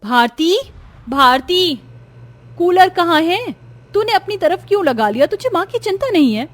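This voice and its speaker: A woman voicing a kind, patient elder sister in a storybook, earnest and gentle. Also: fairly high pitch, moderate pace, lightly acted. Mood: alarmed shouting. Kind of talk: storybook voice acting.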